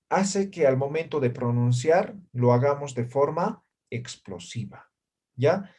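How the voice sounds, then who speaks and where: Hombre profesor que pregunta "¿no?" sin parar. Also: male voice, medium pitch, a little mellow, breathy edge. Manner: keeps checking in with tag questions. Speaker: language teacher. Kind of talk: classroom lecture.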